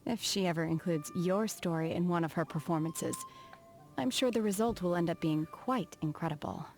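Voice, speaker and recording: A woman voices a reserved young female apprentice of immortals in a video game, speaking a little low, soft and formal with measured, aloof delivery over background music. Her voice sounds natural, and her mood is calm and softly interested.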